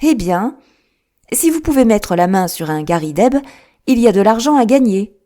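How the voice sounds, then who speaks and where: A woman voicing a sharp, composed male detective in an audiobook, with a lifted, emphatic delivery. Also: medium pitch, big pitch swings, normal speed, voice pushed up, close to an everyday voice. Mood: amused. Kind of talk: audiobook character reading.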